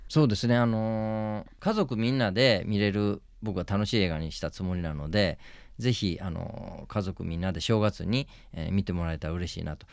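A man, a film director guest on a radio interview, earnest and halting, with many fillers. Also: low-pitched, gravelly, clean tone, no echo.

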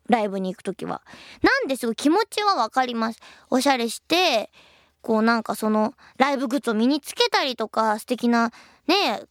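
Bubbly high-voiced woman radio host. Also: dry recording, studio quality. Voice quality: a bit husky, by her own account. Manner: lively, chatty and playful, laughs at her own slips. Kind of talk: reading and answering listener letters.

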